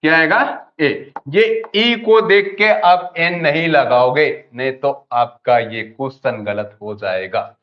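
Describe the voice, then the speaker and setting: A man's voice: on the high side, slow, hardly any pauses. A man teaching English grammar in an online class, asking questions and answering them himself over and over. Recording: dull lo-fi audio.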